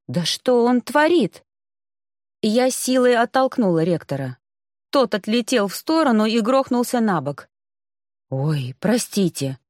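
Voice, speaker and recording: A woman's voice: a little high, darkish tone, dry recording. Woman narrating an audiobook, close and dry. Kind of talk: scripted first-person narration.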